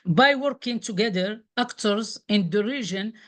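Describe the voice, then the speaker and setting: A woman's voice: medium pitch, a little slow. A woman speaking at a conference, delivering a scripted presentation.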